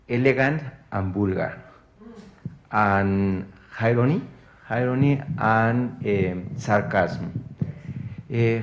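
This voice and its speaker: Very slow, halting man in audience. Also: on the low side, a little hiss or hum. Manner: halting, searching for words. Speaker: audience member asking a question. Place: university auditorium.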